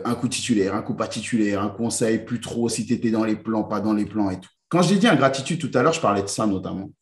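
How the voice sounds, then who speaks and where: A man hosting an interview, asking long, enthusiastic questions in a conversational style. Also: on the low side. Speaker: interview host. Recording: roomy, echoey room.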